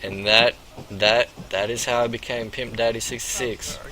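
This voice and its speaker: A man's voice: medium pitch, fairly even intonation, normal speed, pushed and bright, lightly acted. A man voicing a boastful, swaggering pimp character in a game role-play, telling a rambling, profane story.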